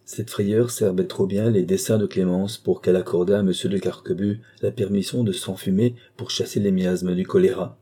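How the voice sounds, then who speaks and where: Dark, husky male audiobook narrator. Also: deep voice, steady tone, normal speed, hardly any pauses. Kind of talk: scripted literary narration.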